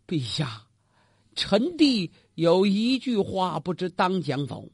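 A man's voice: high voice, very animated, vocal fry, husky, dry recording, clean studio sound, full character voice. A man doing a tearful, cunning kneeling prince. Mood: pleading. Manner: slow, formal, classical court speech.

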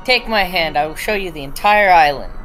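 A woman's voice: on the low side, expressive, a little fast, low-quality recording. A woman playing a bold, gallant boy adventurer in an audio drama. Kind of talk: theatrical audio drama acting. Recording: loud music behind the voice.

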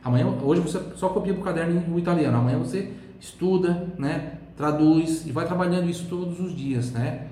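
A Brazilian Portuguese-accented man teaching an online language lesson. He drills words in slow repetitions and keeps checking in with the viewer. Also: on the high side, warm tone. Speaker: Italian teacher. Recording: echoey room, faint ambience.

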